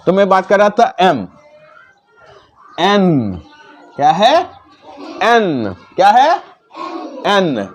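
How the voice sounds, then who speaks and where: A man teaching the alphabet to children in a slow, repetitive classroom manner, asking questions and repeating each sound. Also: sits high, very animated, a little hiss or hum. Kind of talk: classroom-style alphabet lesson.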